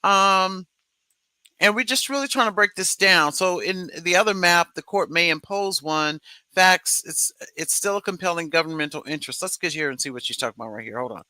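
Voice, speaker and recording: A man hosting a casual livestream, commenting in an animated, rambling way with many restarts. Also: high voice, brisk. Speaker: livestream host. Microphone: streaming mic, briefly distorted.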